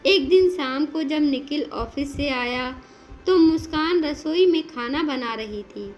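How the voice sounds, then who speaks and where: A woman narrating a moral family story in a measured, gentle storytelling manner. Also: sits high, animated, slight background noise, low-quality recording.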